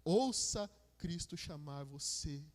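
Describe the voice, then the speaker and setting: A Brazilian minister preaches a sermon in a high, ardent voice. He presses his points and calls the congregation "my brother". Long reverb from the church hall trails after his phrases. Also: lively intonation, slow. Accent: Brazilian Portuguese. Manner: rising to fervent, high-pitched preaching; addresses listeners as "my brother".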